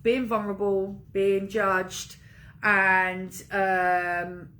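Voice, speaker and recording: A woman's voice: medium pitch, little pitch movement, very slow, bright, forceful tone. A woman coaching an online group in a casual livestream, talking informally in an emphatic pep-talk way that leans on repetition.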